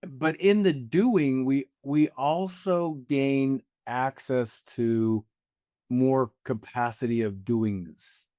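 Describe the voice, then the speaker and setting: A man's voice: medium pitch, slow, dark tone, no echo, studio quality. A man in his sixties, a guest in a casual conversation, musing reflectively with an easy, sometimes profane manner.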